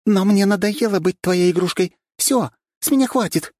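Man putting on a high sly vixen girl. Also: quick pace, a little mellow, no echo, natural voice. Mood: furious.

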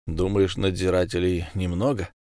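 A man's voice: low-pitched, little pitch movement, normal speed, mellow, no room sound, studio quality, pitched below the performer's own voice, natural voice. A man voicing a guarded ex-marine prisoner who asks wary questions.

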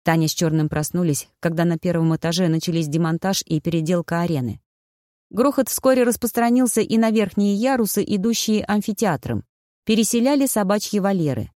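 An audiobook narrator reading a fantasy story in a steady, even storytelling manner. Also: medium pitch, a little fast, no room sound, clean studio sound. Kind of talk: scripted narration.

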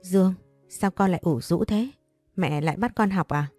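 A woman voicing a doting, flustered father who coaxes his young daughter, in a low, dark reading voice. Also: normal speed, dry recording, soft background music, lightly acted. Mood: coaxing. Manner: coaxing, then scolding.

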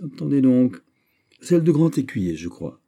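A man reading an audiobook voices a wary young courtier with a measured, appraising manner. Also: medium pitch, very animated, gravelly, mellow, dry recording, studio quality, pitched above the performer's own voice. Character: wary young male courtier, pale and sharp-eyed.

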